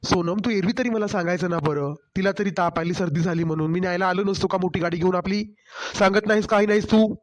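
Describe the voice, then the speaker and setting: A man's voice: sits high, fast talker, lightly acted. A man voicing a caring young husband in a cartoon story, coaxing and concerned in a Marathwada Marathi accent. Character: caring office-going young husband, gentle.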